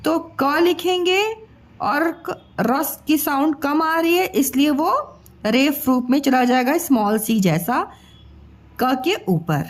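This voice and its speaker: Slow, patient high-voiced woman teacher. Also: expressive. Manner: patient, spells out sounds syllable by syllable. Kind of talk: slow spelled-out children's lesson.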